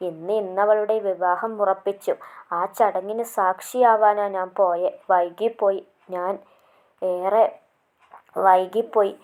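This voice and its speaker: A woman's voice: medium pitch, steady tone, takes it slowly, a little mellow, close to an everyday voice. A woman reading a story aloud, voicing a heartbroken young man who weeps and laments his lost love. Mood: grieving. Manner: tearful, lamenting.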